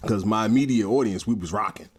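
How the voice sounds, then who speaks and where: Laid-back low-voiced podcast host. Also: male voice, fast talker, breathy edge. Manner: laid-back, conversational, frequent short backchannels. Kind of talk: casual podcast chat.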